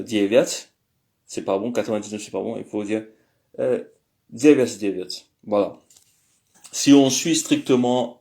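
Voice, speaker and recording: A man's voice: on the low side, creaky, a little mellow. A man giving a casual spoken language lesson, hesitant and thinking aloud with many fillers. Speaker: language teacher.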